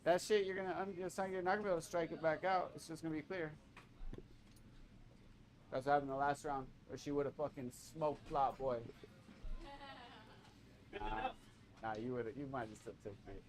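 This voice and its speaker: Man, blunt, swearing, casual banter, slightly high voice. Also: fairly even intonation, moderate pace, pauses often. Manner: profane, blunt.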